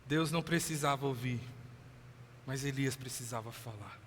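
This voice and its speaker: A male Brazilian pastor giving a lively sermon, acting out voices with laughing asides. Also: medium pitch, normal speed, slight background noise. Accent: Brazilian Portuguese. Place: church hall. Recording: long hall reverb.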